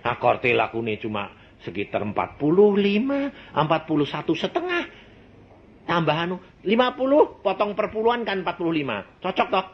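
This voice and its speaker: A man's voice: high voice, big pitch swings, normal speed, muffled recording, slight background noise. A man in his eighties with a Javanese accent preaching a sermon, telling stories and acting out dialogue with sound-effect words. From Central Java, Indonesia. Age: 80s. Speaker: evangelist preacher.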